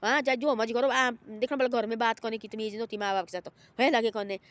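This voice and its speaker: A woman's voice: on the high side, steady tone, fast, fairly bright tone, no echo. A woman telling an informal moral story, rambling and repeating herself and voicing the people in it. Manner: rambling and repetitive, voices the people in her story.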